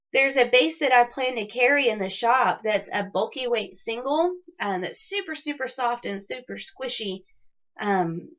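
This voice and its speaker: On a casual video podcast about knitting, the female host chats in an upbeat way, with lots of ums. Her voice is somewhat high and a bit raspy from a cold, and the audio comes across dull and lo-fi.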